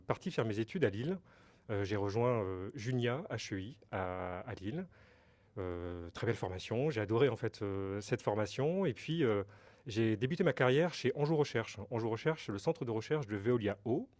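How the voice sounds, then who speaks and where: A middle-aged man from Brittany, France, answers interview questions in his role as a company director. His voice is lowish and darkish, and he explains things hesitantly, with many fillers and repeated words.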